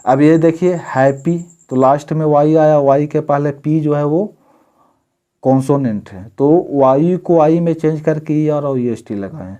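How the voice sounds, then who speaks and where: A man teaches English grammar in a patient classroom manner, reading each word in a list out on its own. His voice sits a little high for a man, with a soft, mellow tone. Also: muffled recording. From India. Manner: explains slowly, reads word lists out one by one. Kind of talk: classroom-style grammar lesson.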